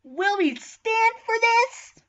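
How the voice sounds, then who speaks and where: A woman's voice: high-pitched, animated, moderate pace, a bit bright. A woman doing a ranting, cursing schoolboy wizard. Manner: ranting, profane, indignant. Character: ranting angry teenage boy wizard. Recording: lo-fi, dull sound.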